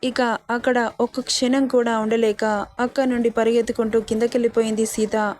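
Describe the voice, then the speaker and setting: Mellow-voiced woman telling a story. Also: on the high side, flat delivery, moderate pace. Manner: reads every character herself without changing voice. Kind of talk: scripted story narration with character dialogue.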